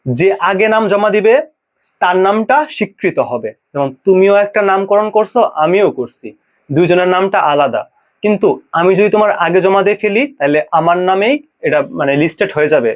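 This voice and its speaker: A young man from Bangladesh, teaching a casual biology lesson and drilling pronunciations by repeating them slowly. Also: high-pitched, animated, highs cut off. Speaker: biology tutor. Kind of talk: informal exam-prep lecture.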